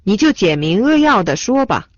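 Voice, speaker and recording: A woman reading phrase translations aloud in a language lesson, in a measured, clearly enunciated way. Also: medium pitch, sing-song, dry recording. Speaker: phrase reader. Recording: dull lo-fi dry sound.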